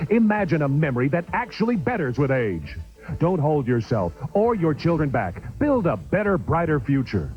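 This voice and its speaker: Hard-sell male announcer, lively and high-pitched. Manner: emphatic, urging sales pitch. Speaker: infomercial announcer. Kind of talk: scripted hard-sell ad narration. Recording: dull 1990s TV audio, music behind.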